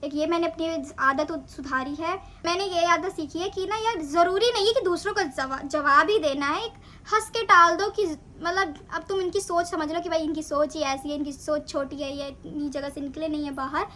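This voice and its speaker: A woman's voice: extremely high pitch, moderate pace, bright, forceful tone, slight background noise. A young woman in clinical training, chatting animatedly as she retells her own experiences in a casual vlog.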